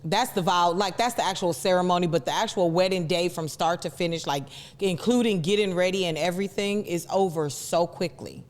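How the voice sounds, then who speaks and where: A woman's voice: fairly low pitch, a little fast, few pauses. A woman co-hosting a casual discussion, explaining earnestly and leaning on key words, in an echoing room. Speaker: co-host. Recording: reverberant room with long echo.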